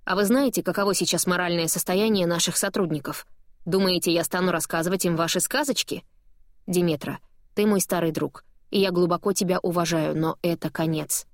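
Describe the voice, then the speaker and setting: A woman's voice: fairly low pitch, fairly even intonation, a little fast, no echo, studio quality, natural voice. A woman reading an audiobook, voicing a stern middle-aged male boss who talks curtly and firmly. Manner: curt, weary, firm. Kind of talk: audiobook character voice.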